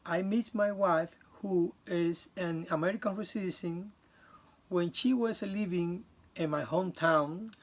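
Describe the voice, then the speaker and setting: His voice is high-pitched, slow, and gravelly: a student from the Dominican Republic giving a class presentation on video. Earnest and halting, he restarts sentences and makes some non-native grammar choices.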